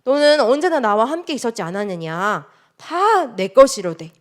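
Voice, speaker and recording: A woman voicing a loving, forgiving father of two sons, speaking slowly, firmly and gently. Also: fairly high pitch, sing-song. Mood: pleading.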